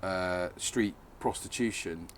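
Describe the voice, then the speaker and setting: A man's voice: sits low, takes it slowly, a little hiss or hum. A man interviewing people on location in a casual chat, prompting them with friendly questions and short yeahs.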